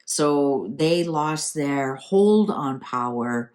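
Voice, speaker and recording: This tarot reader and channel host has a Canadian accent and a low, darkish voice. She speaks very slowly yet sounds animated, thinking aloud during a casual, improvised reading.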